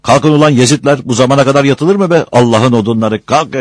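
A spiteful bakery foreman from an old village story hurls insults with open contempt, as a male narrator puts him on. His voice is low but swings widely. The sound is close and dry. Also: very animated, moderate pace, no room sound. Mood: scornful. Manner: scornful, insulting.

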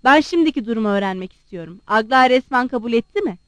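A woman's voice: a little high, lively intonation, quick pace, fairly bright tone, dry recording. A woman reading the part of an irritable young man, scornful and agitated in his outbursts, in an audiobook. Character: irritable young man, bitter older brother.

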